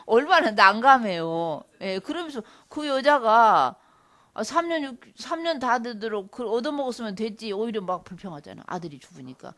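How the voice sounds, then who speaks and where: A woman seminary lecturer teaching Bible history in a conversational way, with rhetorical asides. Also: fairly high pitch.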